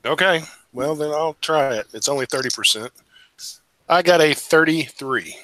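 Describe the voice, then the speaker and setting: A man's voice: a little high, moderate pace, sharp tone, dry recording. A man playing a tabletop game, asking question after question about the details. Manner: inquisitive, pressing for detail. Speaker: player. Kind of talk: casual tabletop play.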